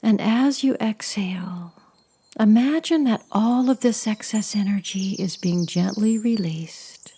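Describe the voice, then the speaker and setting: A woman leads a meditation very unhurriedly, her mid-range voice soft, mellow, and huskily breathy, often slipping toward a whisper. She stays soothing the whole way through.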